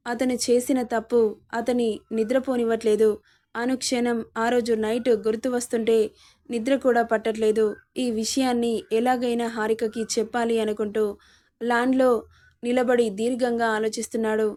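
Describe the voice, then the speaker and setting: A woman narrating a dramatic story in a steady, scripted storytelling manner. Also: on the high side, normal speed.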